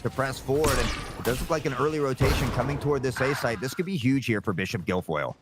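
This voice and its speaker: A man doing esports caster play-by-play, calling game action in punchy, excitable bursts. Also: mid-range voice, quick pace, very noisy.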